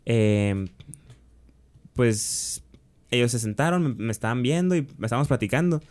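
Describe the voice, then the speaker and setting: A man's voice: medium pitch, animated, normal speed, darkish tone. A young adult man with a Mexican Spanish accent, casually telling a personal story in slangy, restart-filled chat. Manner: slangy, peppers speech with "güey", restarts often.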